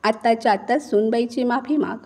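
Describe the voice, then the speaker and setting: A long-suffering mother-in-law finally standing her ground, as a woman reader puts her on, in a fairly high voice. She speaks slowly, weighing each word for dramatic emphasis, in a storybook reading. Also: a little mellow. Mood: stern. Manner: slow, emphatic dramatic delivery. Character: wronged middle-aged mother-in-law turning defiant.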